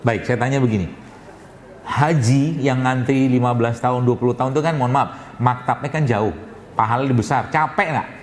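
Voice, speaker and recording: A man's voice: medium pitch, moderate pace. Male preacher in an echoey hall. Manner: rhetorical questions to the congregation, answers himself. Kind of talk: sermon. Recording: echoey hall recording, faint ambience.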